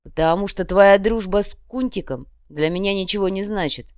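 A woman voicing a short, crude, boastful male red-cap gang boss in an audiobook, talking loud and slangy with a swagger. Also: medium pitch, normal speed, clear, resonant tone, no room sound, studio quality, natural voice. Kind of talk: audiobook character voice.

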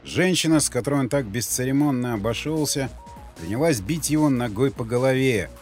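A male audiobook narrator reads in a measured, somber way. His voice sits at an ordinary middle pitch. Faint music plays under the reading. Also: animated. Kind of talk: scripted narration.

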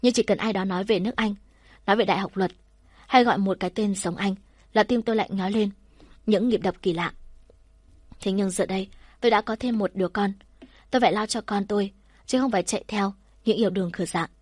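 A woman narrating a first-person story in a soft, measured, heartfelt way. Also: mid-range voice, dry recording, clean studio sound.

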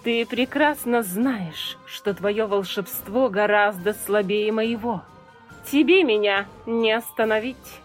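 A woman voicing a spiteful, cackling evil fairy queen who draws out her mocking threats slowly and loudly. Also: medium pitch, faint music behind, close to an everyday voice. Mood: spiteful gloating. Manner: slow, drawn-out, mocking threats.

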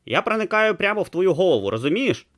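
A man's voice: sits high, very animated, fast talker, a bit bright, voice pushed up. A man voicing an irritable, imperious ancient god trapped in the body of a small tortoise, barking orders and sneering. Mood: bossy. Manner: imperious, sarcastic, barks orders.

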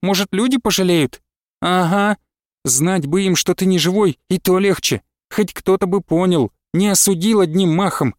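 A man's voice: high voice, moderate pace, dry recording, clean studio sound, close to an everyday voice. A man reading aloud and voicing a young village wife who pleads and cries out in anguish. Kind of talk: audiobook character reading.

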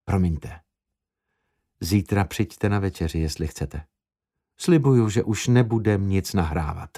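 A male audiobook reader voicing an earnest young woman who speaks softly and persuasively. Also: deep voice, breathy edge, voice pushed down. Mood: soft apologetic.

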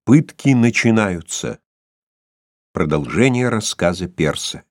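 A man reading an audiobook aloud in a measured, dramatic narrating style. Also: fairly low pitch, animated, dry recording, studio quality. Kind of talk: scripted literary narration.

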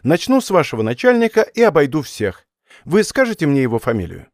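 A man's voice: on the high side, huge pitch swings, brisk, darkish tone, dry recording, studio quality, voice pushed up. A man reading an audiobook voices a stubborn, superstitious young woman student, talking in a raised, pleading, headstrong way. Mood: insistent.

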